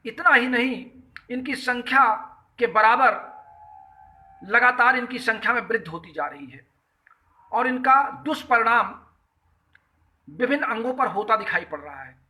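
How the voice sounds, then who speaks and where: A man with a strikingly high, bright and forceful voice, speaking Hindi with an Uttar Pradesh accent. He hosts a live call-in talk, greets callers by name and earnestly explains an article point by point. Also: expressive, a little slow, pauses often, low-quality recording. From Uttar Pradesh, India. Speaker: host of a health talk show.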